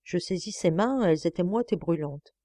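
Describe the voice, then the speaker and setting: Woman audiobook narrator, expressive first-person reading, mellow voice, close dry mic. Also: fairly low pitch, moderate pace, dry recording. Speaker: audiobook reader.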